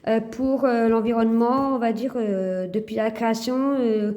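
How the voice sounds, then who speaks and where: A woman vlogging casually to camera, speaking hesitantly with many pauses and restarts, filmed on a phone. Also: on the high side, steady tone, warm tone.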